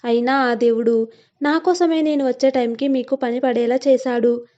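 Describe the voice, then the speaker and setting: A doting young fiancé teases his bride-to-be in a storybook reading, voiced by a woman narrator. The voice sits high and mellow, with a playful, affectionate lilt. The recording is slightly dull and lo-fi. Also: fairly even intonation, normal speed, close to an everyday voice. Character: young man, teasing devoted fiancé.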